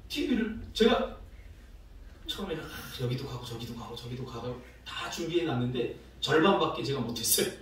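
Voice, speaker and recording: A middle-aged man preaching a sermon as pastor, telling stories in an animated way, acting out the voices of people he quotes, and laughing often. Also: medium pitch, fairly quick. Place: church sanctuary. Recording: very echoey church hall from far off, faint noise.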